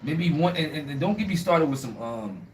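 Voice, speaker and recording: A young man with a New York accent, chatting in a casual interview, animated and emphatic, repeating himself as he makes his points. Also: on the high side, fairly quick. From United States (born in Brooklyn to Liberian parents). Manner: animated, emphatic, laughs often, repeats words. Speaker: guest, travel show creator. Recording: distant mic with faint ambient noise.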